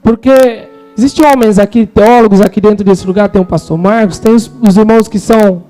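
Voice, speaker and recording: Fervent high-voiced Brazilian man preaching. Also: fairly even intonation, brisk, mellow, soft background music, poor audio. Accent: Brazilian Portuguese. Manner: fervent, quotes scripture and acts out disciples' lines. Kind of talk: sermon. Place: church.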